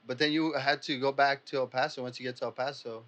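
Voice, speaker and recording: A man's voice: medium pitch, fairly even intonation, quick pace, a bit bright. Laughing, joking male podcast host. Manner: laughs often, loose and joking. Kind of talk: casual chat.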